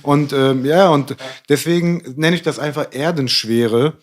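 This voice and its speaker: A man's voice: a little high, a little slow. A middle-aged man talking through ideas in a casual podcast discussion, rambling and hesitant, with many fillers. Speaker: podcast guest.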